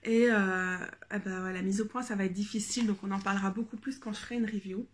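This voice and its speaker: A woman, chatting casually in a vlog, thinking aloud with many fillers and restarts, low in energy. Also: fairly even intonation, fast. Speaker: tarot vlogger.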